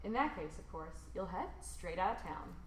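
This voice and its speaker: A woman reads a rhyming children's picture book aloud expressively, with theatrical emphasis and drawn-out words. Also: lowish voice, animated, reverberant, slight background noise, poor audio. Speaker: storybook reader.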